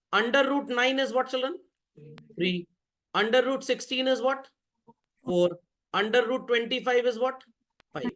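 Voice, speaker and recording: A man's voice: very high-pitched, a bit bright. A male teacher giving a classroom lecture, joking and quizzing the class as he goes, often calling the students children. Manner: jokey, keeps addressing the class as children; asks the class quick questions. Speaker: commerce teacher.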